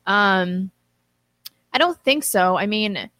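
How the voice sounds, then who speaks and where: A woman's voice: medium pitch, expressive, slow, pushed and bright, dry recording. A woman co-hosting a casual talk show, reading out listener messages and commenting in a blunt, informal way.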